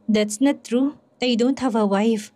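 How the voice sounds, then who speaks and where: A woman voicing a rich young father who is gentle but firm, speaking softly and coaxingly. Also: on the high side, takes it slowly.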